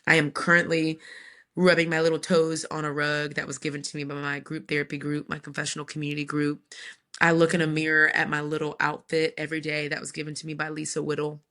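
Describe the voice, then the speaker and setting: A woman in her thirties tells a personal story as a guest on a podcast. Her voice is bright and forceful, and she speaks in an animated, casual way. She often drops into quoted voices as she talks. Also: low-pitched, quick pace.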